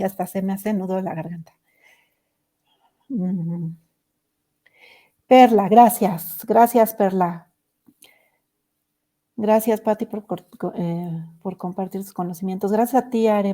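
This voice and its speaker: A woman hosting a live stream, reflecting gently and reading viewer comments with frequent "este" fillers. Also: medium pitch.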